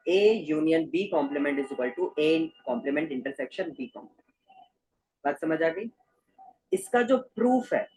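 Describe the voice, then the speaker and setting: A man's voice: a little high, poor audio. A man teaching a math class, explaining step by step and checking often that the students follow. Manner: repeats check-in questions to students. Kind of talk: explaining a lesson. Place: recorded at a screen with slides.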